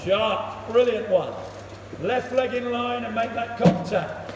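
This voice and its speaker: A man coaching a young batter one-to-one in an indoor cricket net, giving brisk instructions and praise. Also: very high-pitched. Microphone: camera across the net, far off. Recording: echoey hall, voice from far off, loud noise.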